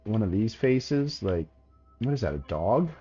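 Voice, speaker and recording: A man's voice: fairly low pitch, big pitch swings, unhurried, mellow, slightly rough, highs cut off, soft background music. A man giving casual gameplay commentary as a streamer, laid-back and chatty, slangy, talking to his chat. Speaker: game streamer.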